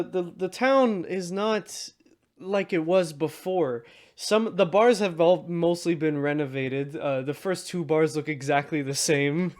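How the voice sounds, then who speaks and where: A man co-hosting a podcast in casual chat, laid-back and quick to laugh as he retells a story. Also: on the high side, a little mellow. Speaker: podcast co-host.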